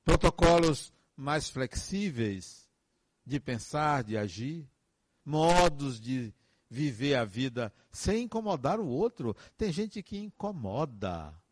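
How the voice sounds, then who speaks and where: Male counselor, emphatic advice-giver, expressive pitch, dry recording. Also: slow pace, dry recording. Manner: earnest, advice-giving, emphatic repetitions. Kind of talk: reflective motivational monologue.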